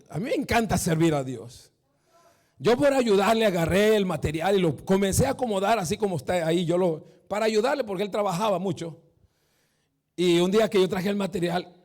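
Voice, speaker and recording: A man preaching a sermon as a pastor. He keeps asking "¿verdad?", calls the crowd "mi hermano" and builds up to shouting. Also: high-pitched. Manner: emphatic, peppered with "¿verdad?" and "mi hermano".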